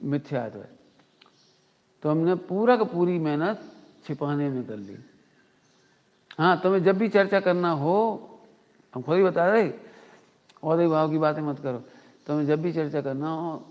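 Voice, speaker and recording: A man's voice: fairly high pitch, animated, measured pace, pauses often. A male Jain preacher giving an informal spiritual discourse, asking rhetorical questions and mimicking his listeners. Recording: dull audio with long hall reverb.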